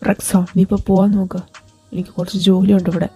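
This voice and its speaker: A woman's voice: medium pitch, level tone, quick pace, dark tone, soft background music, lightly acted. Woman voicing a curt possessive mafia boss. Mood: irritated. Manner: curt, commanding, switches into English. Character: cold possessive young male mafia boss. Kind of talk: amateur audio fan drama.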